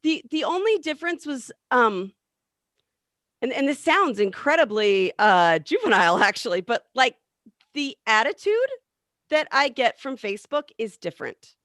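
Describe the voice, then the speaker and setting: Animated woman technology coach, dry sound. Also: on the high side, moderate pace, no room sound. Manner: animated, thinks aloud with fillers and restarts. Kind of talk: casual panel discussion.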